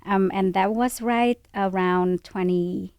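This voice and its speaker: A woman in her forties who grew up in Poland, a podcast guest speaking in a thoughtful, measured way with frequent pauses. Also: mid-range voice, steady tone, a little mellow, clear, resonant tone, no echo. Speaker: guest, public health researcher. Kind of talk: podcast interview. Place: studio set with a couch.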